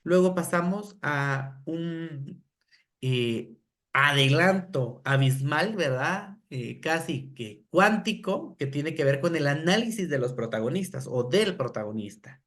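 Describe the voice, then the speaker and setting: A man's voice: on the high side, lively intonation, takes it slowly, a bit bright. A middle-aged man with a Guatemalan Spanish accent gives a teacher-training lecture, explaining step by step and often asking rhetorical questions with a tag "¿verdad?". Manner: acts out classroom phrases in a raised voice. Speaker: education lecturer.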